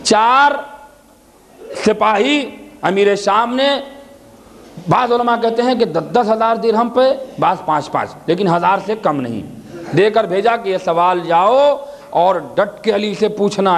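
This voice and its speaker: A man with an Indian Urdu accent, a cleric preaching at a religious gathering, telling a story with acted dialogue and often rising to a shout. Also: sits high, in a large hall. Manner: dramatic, rises to shouting in acted exchanges. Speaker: cleric giving a Muharram majlis. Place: mosque or majlis hall. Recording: live gathering with faint crowd. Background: faint crowd.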